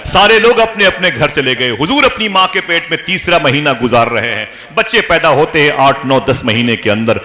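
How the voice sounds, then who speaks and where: A man's voice: a little high, expressive, normal speed, hardly any pauses, sharp tone. A man preaching an emotional sermon, telling a dramatic story and chanting lines of verse with passion. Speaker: Islamic preacher.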